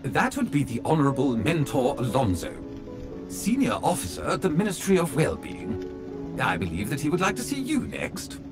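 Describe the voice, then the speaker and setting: A man's voice: fairly high pitch, wildly swooping pitch, normal speed. A man voicing a polite male butler robot in a video game, formal and deferential, who speaks to his master in the third person. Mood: prim. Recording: game music underneath.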